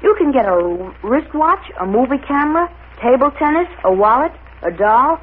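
A woman's voice: sits high, sing-song, moderate pace, breathy edge, exaggerated voice. A woman voicing an eager, wholesome boy in a gee-whiz 1930s radio advertisement, on a muffled old recording. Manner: gushing, gee-whiz enthusiasm.

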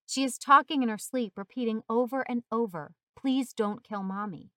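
A woman plays a caring grandmother in a storybook reading, soft-spoken and soothing. The voice sits fairly high and is recorded close and dry. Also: normal speed, no room sound, lightly acted. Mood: worried. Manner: gentle, soothing.

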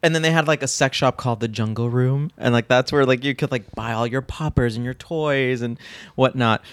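A man's voice: mid-range voice, brisk, smooth, no room sound. Frank, laughing man telling stories. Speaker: podcast guest. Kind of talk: candid casual chat.

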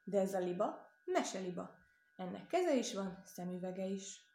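A woman voicing a gentle, patient old man who tells stories, speaking softly and explaining. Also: mid-range voice, animated, roomy sound, lightly acted.

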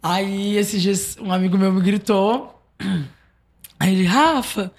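Brazilian woman guest on a chatty podcast, thoughtful, tells stories slow and easy. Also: mid-range voice, little pitch movement, a little mellow. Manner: reflective, tells anecdotes with acted quotes. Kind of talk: casual podcast chat.

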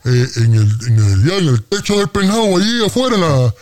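Male comic host, Puerto Rican, higher-pitched, bragging storyteller with slang. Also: big pitch swings, moderate pace, darkish tone. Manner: bragging, tall tales, sung sound effects, slangy.

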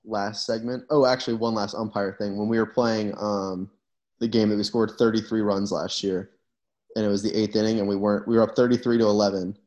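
A man's voice: lowish voice, flat delivery, brisk, a little mellow, highs cut off. A young man, a college baseball player, casually telling stories on a podcast he hosts. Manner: laid-back storytelling. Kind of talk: casual chat.

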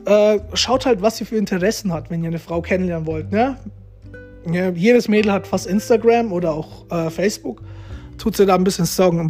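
Speaking to his audience in a high-pitched, slightly mellow voice, this man hands out casual relationship advice. He's chatty and repetitive, often capping his sentences with "ja?" or "ne?".

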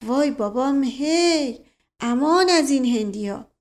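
A woman's voice: high-pitched, lively intonation, darkish tone, pitched above the performer's own voice. Woman putting on a fretful, chattering old manservant. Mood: dismayed. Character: old male servant, fretful and talkative.

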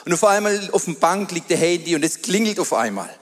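A middle-aged male pastor delivers a sermon to his congregation. His voice sits a touch high as he spins stories and warmly addresses the room. A long reverb from the church hall trails behind each phrase. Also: fairly quick. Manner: lively storytelling with quoted asides, addresses congregation as "ihr Lieben".

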